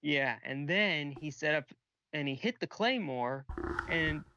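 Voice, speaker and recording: A man's voice: a little high, expressive, unhurried, lo-fi sound, background noise. A man co-hosting a podcast, chatting casually and rambling with lots of fillers. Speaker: podcast co-host. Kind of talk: casual chat about wrestling.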